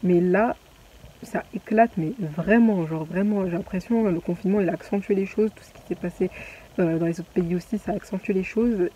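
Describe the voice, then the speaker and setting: A woman's voice: on the low side, fairly quick, warm tone, slight background noise, low-quality recording. A young woman vlogging casually, rambling with many fillers and restarts. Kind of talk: casual chatty vlog.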